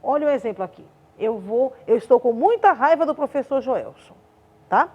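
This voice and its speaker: A woman teacher explains drama with a fairly high voice that swings widely in pitch. She talks expressively and demonstratively to her class. The sound is dull and lo-fi. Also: animated, normal speed. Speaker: arts teacher.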